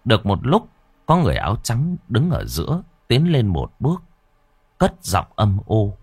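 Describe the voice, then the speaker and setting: A man narrating a ghost story in a dramatic way, slowing down for tense moments. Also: fairly low pitch, wildly swooping pitch, a little mellow, breathy edge, dry recording. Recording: dry close voice with faint background music.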